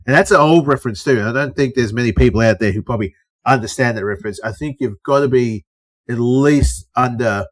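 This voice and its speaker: A man's voice: medium pitch, fairly quick. A middle-aged Australian man co-hosting a casual podcast chat, telling stories, acting out other people's lines and swearing casually. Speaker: podcast co-host.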